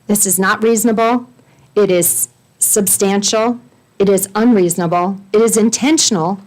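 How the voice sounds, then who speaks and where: A resident speaking at public comment during a county board meeting, a woman reads her own prepared statement, earnest and pleading, stressing her points in lists. Her voice is mid-range and a little mellow, at normal speed.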